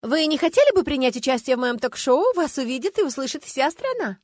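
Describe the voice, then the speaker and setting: A woman's voice: on the high side, animated, brisk, no echo, clean studio sound, pitched above the performer's own voice. A woman voicing an eager, theatrical woman TV journalist with showy presenter patter in an audiobook. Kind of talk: audiobook character voice.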